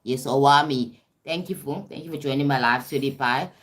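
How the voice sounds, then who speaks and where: Speaking a little fast in a very deep voice, this woman hosts a laid-back self-development livestream in her native English. She chats warmly, stumbles and restarts often, peppers her talk with "right?", checks in with viewers, and calls them "sweetie pie."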